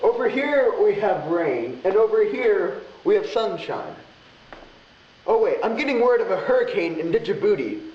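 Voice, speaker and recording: Man acting a very high-voiced TV weather anchor. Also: big pitch swings, normal speed. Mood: presenting. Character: chirpy male TV weather anchor. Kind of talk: amateur mock weather broadcast. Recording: dull, echoey, faint background noise.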